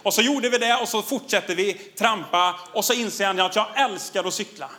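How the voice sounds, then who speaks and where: A man in his thirties, a pastor giving a sermon before a congregation, telling a personal story in an animated way and often laughing. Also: sits high.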